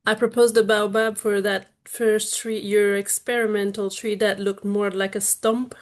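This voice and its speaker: Even-toned woman on a video call. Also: medium pitch, measured pace. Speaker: webinar participant. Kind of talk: casual chat.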